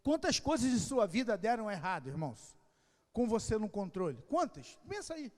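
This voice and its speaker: A man pastor preaching an impassioned sermon with a Rio de Janeiro accent, swinging between shouted calls and quiet asides. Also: high-pitched, big pitch swings, normal speed. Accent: Rio de Janeiro Portuguese. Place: church hall. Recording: long church hall reverb.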